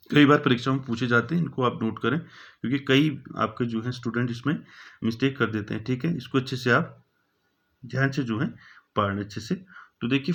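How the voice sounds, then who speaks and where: A man's voice: mid-range voice, fairly bright tone. Man teaching an exam-prep grammar lesson. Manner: repeats each question, fills with "thik hai". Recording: dull, lo-fi sound.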